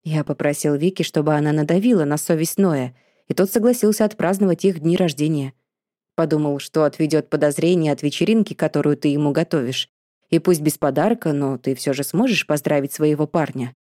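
A woman's voice: sits low, dark tone, dry recording, lightly acted. A woman voicing a dry, sarcastic young man. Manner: dry, teasing, unhurried. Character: sarcastic, laid-back young man, a best friend.

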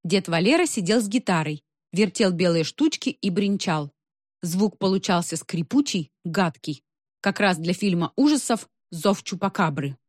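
A woman reading a story aloud in scripted narration, with a wry, expressive delivery. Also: fairly low pitch, normal speed, no echo, clean studio sound. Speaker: audiobook reader.

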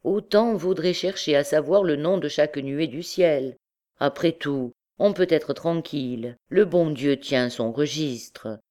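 Une vieille dame de la noblesse, bavarde et nostalgique, jouée par une femme, parle en divaguant d'une voix un peu plus aiguë. C'est une lectrice de livre audio qui lui prête sa voix. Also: female voice, sits low, unhurried, dark tone. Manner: rambling, reminiscing. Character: elderly noble lady, nostalgic and chatty.

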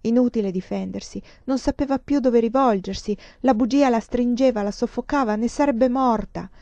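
A woman reads a novel aloud in a measured, expressive literary manner. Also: a little high, no room sound. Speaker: audiobook reader. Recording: dull lo-fi dry recording.

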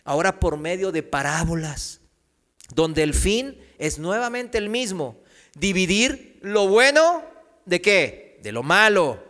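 A male preacher teaches from scripture in a high, bright voice. He quizzes his congregation with questions and answers them himself. His voice rings out through a hall with long reverb. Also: big pitch swings, takes it slowly. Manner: reads scripture aloud, raising his voice for quoted cries. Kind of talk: sermon teaching.

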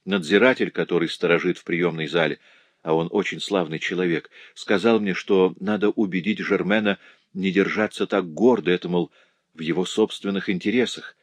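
A man's voice: sits low, steady tone, moderate pace, no echo. A man voicing a cheerful, tender-hearted young working woman in an audiobook, chattering eagerly and emotionally. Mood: worried. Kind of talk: audiobook character voice.

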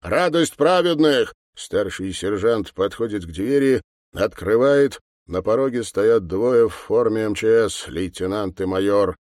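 Low-voiced man narrating an audiobook. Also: measured pace, a little mellow, dry recording, studio quality.

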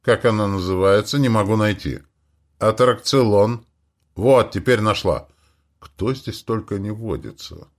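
A man's voice: on the low side, a little slow, natural voice. A man voicing a practical, stubborn young woman space traveler who answers bluntly. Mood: matter-of-fact.

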